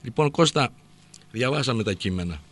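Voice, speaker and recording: A man's voice: mid-range voice, animated, no echo. Middle-aged man hosting a discussion. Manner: prompting, steering the talk. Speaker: host. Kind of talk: radio discussion.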